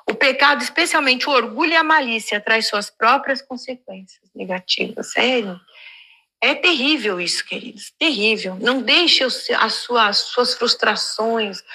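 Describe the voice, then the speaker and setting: An older woman preaching a sermon, lively and acting out everyday quotes in little voices. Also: fairly high pitch.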